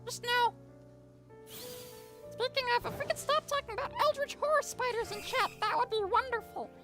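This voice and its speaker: A male livestreamer talking through a helium-pitched voice effect, chatting and reading out chat. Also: normal speed, pushed and bright, soft background music. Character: squeaky helium-voiced version of the streamer.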